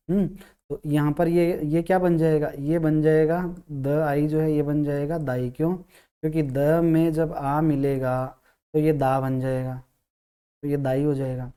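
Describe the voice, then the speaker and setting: A man's voice: a little high, dark tone, clean tone. Man explaining grammar with rhetorical questions. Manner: sounds out syllables slowly. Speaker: English teacher. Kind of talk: grammar lesson.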